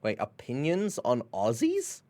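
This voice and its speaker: A man's voice: mid-range voice, huge pitch swings, unhurried, warm tone. A young man chatting casually on his live stream, rambling with lots of "like" and "bro", laughing and swearing often.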